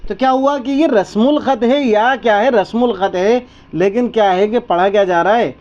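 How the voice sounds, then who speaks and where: A man teaching Quran reading step by step, asking questions and repeating each word slowly for the listener. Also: sits high, a little mellow, muffled recording. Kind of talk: step-by-step lesson with call-and-response questions.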